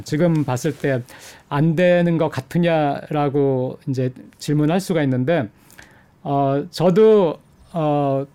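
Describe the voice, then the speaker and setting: A middle-aged man, an economics professor, gives measured interview answers with frequent hesitation fillers. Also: on the high side, warm tone, smooth. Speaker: economics professor, studio guest.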